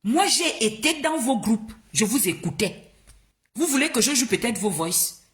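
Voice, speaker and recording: Indignant woman with a lively voice. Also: fairly high pitch, measured pace. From Gabon. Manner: indignant, confrontational, repeats rhetorical questions; stumbles and restarts when agitated. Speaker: live streamer. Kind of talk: heated live-stream monologue.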